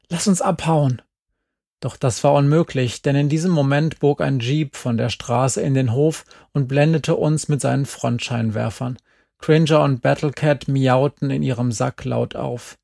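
A man reading a first-person story aloud, calm and measured. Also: mid-range voice, creaky, dry recording, studio quality. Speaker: audiobook reader. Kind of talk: scripted first-person narration.

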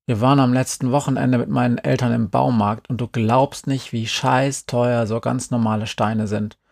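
A man's voice: medium pitch, fairly even intonation, moderate pace, creaky, a little mellow, no echo, clean studio sound. A man voicing a curious young boy who keeps asking questions. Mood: earnest. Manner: questioning insistently.

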